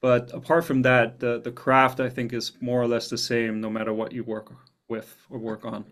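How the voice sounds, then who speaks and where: A man's voice: mid-range voice, completely flat delivery, normal speed, a bit bright. A man from Germany who works as a film composer, answering interview questions thoughtfully and often repeating words as he searches for phrasing.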